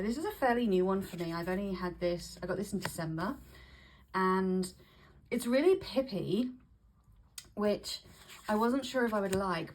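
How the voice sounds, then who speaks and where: A woman vlogger chatting casually to camera, breathy and a little short of breath with hay fever, often restarting and repeating her phrases. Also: mid-range voice, a little hiss or hum, low-quality recording. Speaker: vlogger showing tarot decks.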